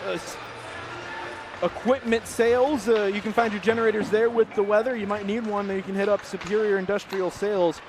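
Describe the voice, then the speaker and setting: A man calling live high school hockey play-by-play from the rink, speeding up and shouting on the big plays. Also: steady tone, background noise. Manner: rapid play calls, rising to shouts on shots. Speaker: play-by-play announcer. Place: ice rink press area.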